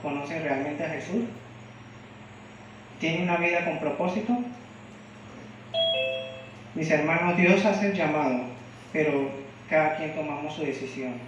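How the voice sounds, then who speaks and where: A man's voice: a little high, unhurried, pauses often, noisy background. A man from Venezuela preaching a devotional sermon in a church, often asking the congregation questions. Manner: asks the congregation frequent questions. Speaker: lay preacher. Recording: echoey room, distant mic, dull sound.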